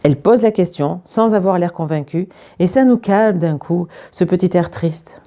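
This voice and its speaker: A young woman reading a children's book aloud in an expressive way, prone to fits of giggling. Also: fairly low pitch, moderate pace. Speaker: storyteller.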